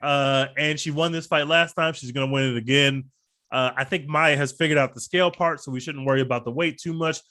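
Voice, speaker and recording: A man co-hosts a casual sports betting podcast, discussing fight picks in a relaxed, slangy way and laughing often. His voice is on the high side and sharp-toned, with fairly even intonation and a fairly quick pace.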